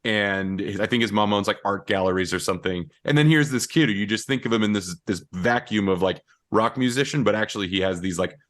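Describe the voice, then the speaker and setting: Relaxed, rambling man on a podcast. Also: fairly low pitch, a little fast, few pauses. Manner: relaxed, rambling, many restarts. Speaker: podcast co-host. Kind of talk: casual chat.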